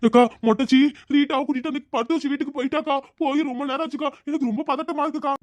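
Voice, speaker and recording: Woman doing an anxious, pleading cartoon village mother; high, quick, dry. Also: fairly even intonation, dry recording, close to an everyday voice. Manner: worried, pleading. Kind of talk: cartoon voice acting.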